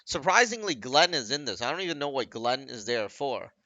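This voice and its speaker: A gaming video creator, a man with a bright, forward, medium-pitched voice, gives casual off-the-cuff commentary over a video game. He's very animated and brisk, rambling and second-guessing his wording as he goes. The recording is very dry, slightly dull, with no room sound, like a basic home setup.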